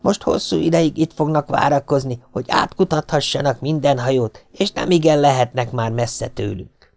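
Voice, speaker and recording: A man voicing a boastful, scheming Swedish sailor who talks down to others and lies smoothly. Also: medium pitch, no echo, voice pushed up, lightly acted. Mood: lecturing. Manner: condescending, smoothly lying.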